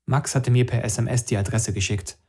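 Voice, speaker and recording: A man reading a first-person story as an audiobook narrator, steady and even. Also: medium pitch, fairly quick, husky.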